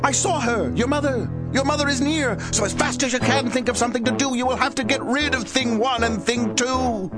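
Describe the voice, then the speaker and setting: Storybook fish voiced by a man: high, shrill and anxious, scolds nonstop, pitch leaping all over, music underneath. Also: big pitch swings, moderate pace. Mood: panicked. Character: fretful scolding pet fish in a pot. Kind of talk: storybook read-aloud.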